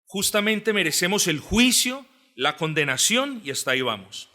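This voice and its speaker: Lively preaching man, animated pitch. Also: normal speed. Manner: lively preaching, rising emphatic on scripture, repeats phrases, asks congregation. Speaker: pastor. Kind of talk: expository sermon.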